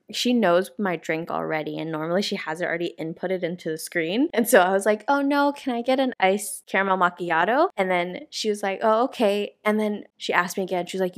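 A young woman in casual conversation, telling stories in a chatty way and laughing often. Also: on the low side. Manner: chatty storytelling with frequent laughs. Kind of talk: casual chat.

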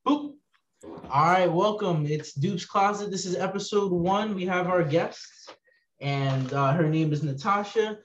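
A man hosting a casual podcast, talking in a halting way with many fillers and restarts. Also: high voice, dull audio. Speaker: podcast host.

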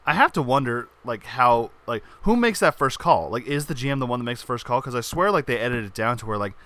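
A man co-hosting a casual sports chat, excitable and joking, with lots of filler words. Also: mid-range voice, fast talker, no echo. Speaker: podcast co-host.

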